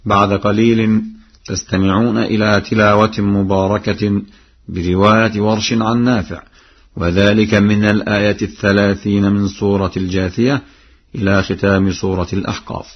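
A man from Egypt giving a broadcast lesson on Quran reading variants, explaining in a measured way and chanting verse examples. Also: lowish voice, flat delivery. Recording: lo-fi radio broadcast.

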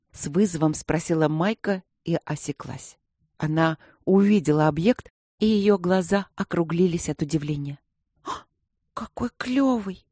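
A woman reading a children's story aloud with an expressive, playful delivery. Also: lowish voice, no echo, studio quality. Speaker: audiobook narrator. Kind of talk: lively children's story narration.

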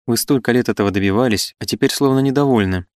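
A man reading the part of a genteel young married woman, polite and gently reproachful. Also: mid-range voice, fast, no room sound, clean studio sound, close to an everyday voice.

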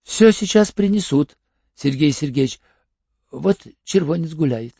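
A man's voice: on the high side, lively intonation, measured pace, gravelly, mellow, husky, no room sound, highs cut off, heavily acted. A man voicing an eager, fawning young male errand boy who speaks in a servile way, in an audiobook.

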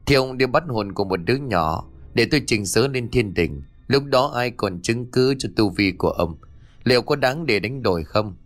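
A man voicing a calm young male exorcist who talks in a firm, measured and reassuring way. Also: mid-range voice, natural voice.

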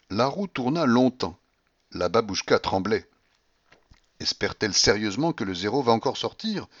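A man narrating a classic novel aloud in an expressive, dramatic manner. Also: on the low side, no room sound, highs cut off. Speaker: audiobook reader. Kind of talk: literary narration read aloud.

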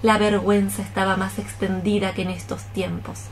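Captured in a low-quality recording, a woman with a medium-pitched, level voice gives a lightly acted performance as a scheming old mother cockroach who scolds. It's radio theatre in archaic, poetic Spanish, delivered in an exclamatory, theatrical style with drawn-out phrases.

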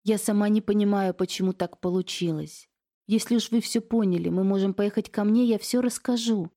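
A woman voicing a flustered middle-aged aunt who is evasive and frightened, talking in a high, strained voice. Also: a little fast, dark tone, natural voice. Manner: chattering falsely cheerful, then tearful and pleading.

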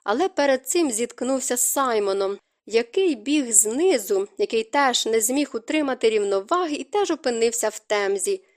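Woman narrating an audiobook, slightly high voice. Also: expressive, normal speed. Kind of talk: scripted narration.

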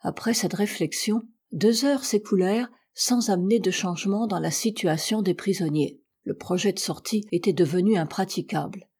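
Woman, audiobook narrator, steady measured reading, mellow tone. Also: mid-range voice, husky. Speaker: audiobook reader. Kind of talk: reading a classic novel aloud.

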